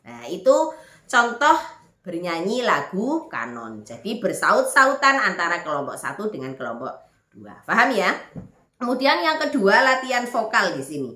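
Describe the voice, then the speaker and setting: A woman's voice: medium pitch, big pitch swings, moderate pace, pushed and bright. A woman music teacher giving an online lesson, explaining step by step and checking that students follow. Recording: echoey room.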